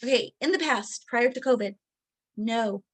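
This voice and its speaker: Chatty middle-aged woman instructor, raised pitch. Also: a little slow, breathy edge. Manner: chatty and candid, with many fillers and quoted asides. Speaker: training instructor. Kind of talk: recorded training lesson.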